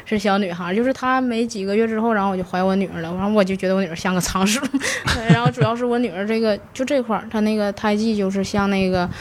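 Woman, 30s, Northeastern Mandarin accent; fast, animated guest storyteller. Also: mid-range voice, a little hiss or hum. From Northeast China. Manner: animated, laughs often, quotes herself. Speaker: guest, mortician. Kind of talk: casual storytelling chat.

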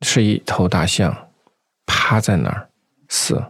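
A man telling first-person stories in an unscripted interview, conversational and halting, often repeating phrases. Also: low voice, sing-song, vocal fry, a bit bright, slightly rough, no room sound. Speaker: anti-poaching patroller, interview guest.

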